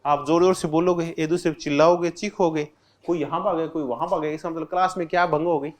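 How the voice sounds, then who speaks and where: A man's voice: on the high side, steady tone, fast. A man teaching an exam-prep lecture, constantly asking the class questions and answering them himself, repeating key terms with simple examples. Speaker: political science teacher.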